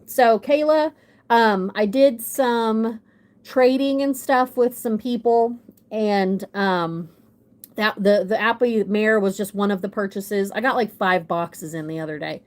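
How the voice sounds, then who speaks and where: A woman's voice: a little high, normal speed. Gushing woman on a livestream. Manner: gushing, excitable, rambling with many restarts. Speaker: model horse collector hosting a livestream. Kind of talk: casual livestream chat.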